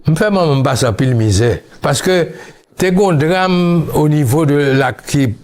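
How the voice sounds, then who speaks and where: Man, from Haiti, interview guest, slow musing delivery, fairly high voice. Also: expressive, a little mellow. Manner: slow, musing, mixes Creole and French. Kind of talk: reflective interview talk.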